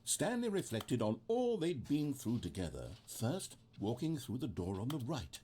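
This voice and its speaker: A man playing a wry storybook narrator in a video game, with measured, theatrical scripted delivery. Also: mid-range voice, very animated, dark tone, a little hiss or hum. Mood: mock earnest.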